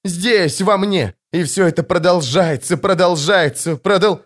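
A tormented teenage boy, as a male reader puts him on bursts out with bitterness and intensity, his voice pushed up high and loud. He sounds tense and agitated, in an audiobook reading. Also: expressive, normal speed, natural voice. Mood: bitter. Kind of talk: audiobook character voice.

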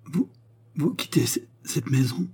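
A man's voice: mid-range voice, moderate pace, mellow, husky, close to an everyday voice. A man voicing a distraught, infatuated young cabinetmaker in an audiobook reading, stammering and frantic.

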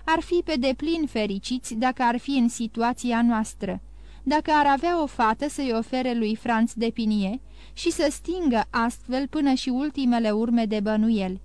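A woman narrating a classic novel as an audiobook in a steady, measured reading. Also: on the high side, no echo. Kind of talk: scripted narration.

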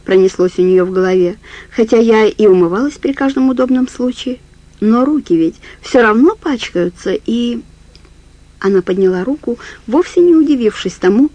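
A woman narrates a horror audiobook in a steady, measured way. Her voice is dark and mellow. It is recorded close and dry, with no room sound. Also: medium pitch, slightly rough, no room sound, muffled recording. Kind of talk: scripted narration.

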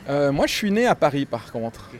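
A man's voice: a little high, big pitch swings, moderate pace, slight background noise. A man raised in Switzerland, a foundation founder being interviewed casually, talking emphatically and hammering his points home. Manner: emphatic, piling up repeated points. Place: restaurant.

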